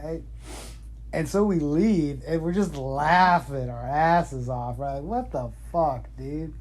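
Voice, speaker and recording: A man's voice: fairly high pitch, slow pace, darkish tone. Brief: middle-aged man, loose foul-mouthed storyteller, laughs through his anecdotes, phone-recorded chat. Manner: profane, rambling, laughs often. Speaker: father telling stories to his son. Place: home in North Georgia. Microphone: iPhone.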